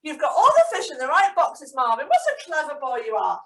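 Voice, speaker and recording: A woman's voice: sits high, very animated, a little fast, noisy background. A woman voicing a cheery, kindly male fishmonger who fusses and encourages. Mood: approving. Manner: fussing and encouraging. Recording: roomy sound from a distant mic.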